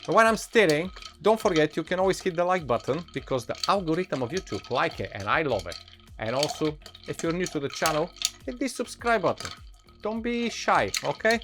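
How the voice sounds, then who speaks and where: Higher-pitched man with a non-native English accent. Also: animated, a little fast, background noise. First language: not English. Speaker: bartender presenting cocktail recipes. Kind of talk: instructional cocktail tutorial, casual. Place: indoor bar set, behind counter. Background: music.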